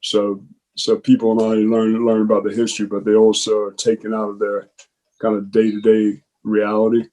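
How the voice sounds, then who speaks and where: A man giving an unscripted interview as a painter, speaking in halting, piecemeal phrases. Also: fairly low pitch, monotone, mellow, poor audio.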